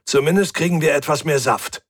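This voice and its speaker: A man voicing a hot-tempered furry male engineer who growls and shouts in a higher, strained voice. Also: a little fast, husky. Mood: gruff, harried.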